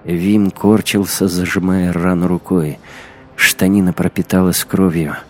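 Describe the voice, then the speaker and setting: A man calmly narrating an adventure story in measured audiobook style. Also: sits low, soft background music.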